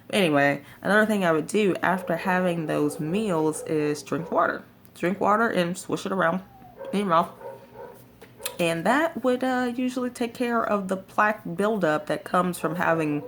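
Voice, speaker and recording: A woman's voice: lowish voice, a bit bright, slight background noise. A woman talking casually to viewers in a vlog, giving advice in an informal, emphatic way. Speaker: vlogger sharing jaw surgery recovery tips.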